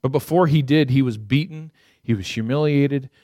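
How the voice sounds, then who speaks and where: A man's voice: moderate pace, dry recording. Dramatic preacher man, dry close sound. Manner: dramatic, swings from loud and high to hushed and low. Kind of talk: dramatic sermon storytelling.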